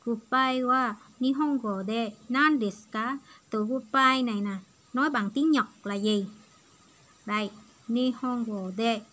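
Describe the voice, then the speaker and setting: A woman's voice: fairly high pitch, a little slow, a bit bright. A woman giving a patient, step-by-step online language lesson. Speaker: Japanese language teacher.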